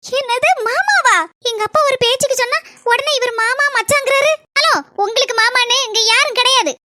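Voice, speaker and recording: A woman's voice: extremely high pitch, a little fast, noisy background. A woman voicing a snappy young woman with a Kanyakumari Tamil accent, curt and mocking. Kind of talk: cartoon voice acting.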